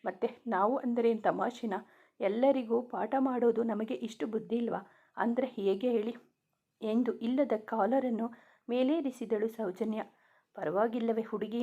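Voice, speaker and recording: A woman reads a romance story aloud in a plain narrating voice, slipping lightly into the dialogue. Her voice sits a little high. The sound is thin and tinny, as if heard down a phone line.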